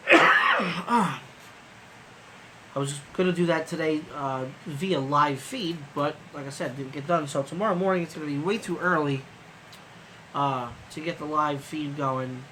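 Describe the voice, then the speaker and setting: A man's voice: on the high side, moderate pace, noisy background. A man hosting a casual live stream as a trucker, rambling loosely with lots of fillers and casual swearing, sleepy and yawning.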